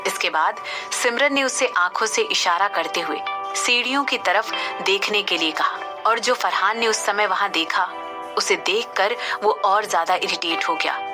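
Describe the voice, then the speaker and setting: Woman narrating a romance audio story over music. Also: mid-range voice. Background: background music.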